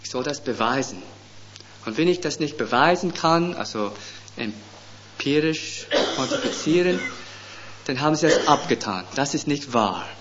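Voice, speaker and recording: A middle-aged man preaching a sermon, slow and deliberate, pushing up hard on key words. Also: mid-range voice, expressive, fairly bright tone. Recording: dull lo-fi sound with faint background noise.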